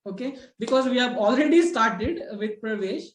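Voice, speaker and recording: Hosting a casual spoken English discussion, this Hindi-speaking woman talks in Indian-accented English at a normal pace, her pitch a bit high and her manner expressive. She chats freely, restarting sentences and using plenty of fillers while regularly turning to her guests. A clear echo rings through the room.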